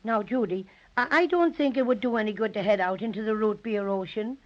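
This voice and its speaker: A woman's voice: mid-range voice, brisk, close to an everyday voice. A woman voicing a small, cheerful, boastful cinnamon teddy bear in a 1930s radio drama, with folksy chatter. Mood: concerned. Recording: dull lo-fi 1930s radio transcription.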